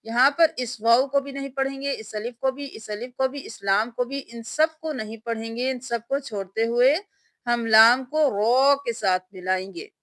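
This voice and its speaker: A female tajweed teacher sounds out every letter before reciting the whole word slowly and at length. Her pitch is fairly high and her tone fairly bright, captured in a dry recording.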